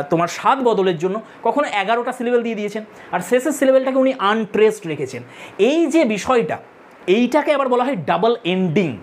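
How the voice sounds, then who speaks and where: A woman's voice: mid-range voice, a little mellow, a little hiss or hum. A woman with a Bengali accent teaches a literature lesson for exam students, explaining step by step, counting aloud and repeating key terms.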